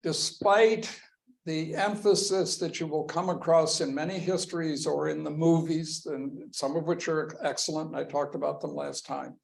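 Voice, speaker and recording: Male history lecturer, slow and measured delivery, gravelly fry on a somewhat high voice. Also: low-quality recording. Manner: slow and deliberate, pointing through slides. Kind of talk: classroom lecture. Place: lecture room with a class present.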